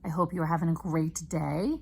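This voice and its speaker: A woman's voice: low-pitched, steady tone, gravelly, a little hiss or hum. A woman teaching first graders, dictating spelling sentences word by word with lots of ums. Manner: slow, deliberate dictation with many ums. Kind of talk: spelling dictation lesson for children.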